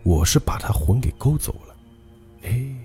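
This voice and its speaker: A man's voice: medium pitch, sing-song, normal speed, dark tone, faint music behind, close to an everyday voice. A man voicing the vengeful ghost of a dead male driver in a spoken ghost story, gloating and menacing.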